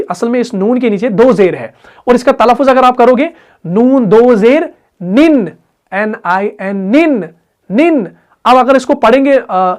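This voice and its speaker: A man's voice: high-pitched, a little mellow. A man with a Pakistani Urdu accent teaching a Quran recitation class, explaining step by step and asking questions that he answers himself.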